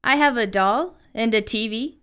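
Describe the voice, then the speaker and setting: Woman doing a polite high-voiced little fox. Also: normal speed, a bit bright, smooth, lightly acted. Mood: friendly. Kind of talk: children's English-lesson story.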